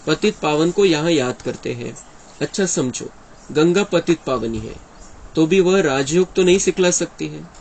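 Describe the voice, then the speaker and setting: A man's voice: fairly high pitch, vocal fry, slight background noise, low-quality recording. A man giving an earnest devotional discourse, explaining and often quoting his teacher. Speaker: spiritual speaker explaining a daily discourse.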